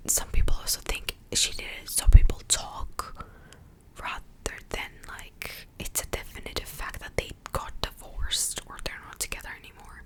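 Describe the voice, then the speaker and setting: A woman's voice: fairly bright tone, rough recording. A woman whispers close to the microphone in casual, gossipy ASMR chat, as if sharing a secret, conversational and opinionated. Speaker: ASMR host.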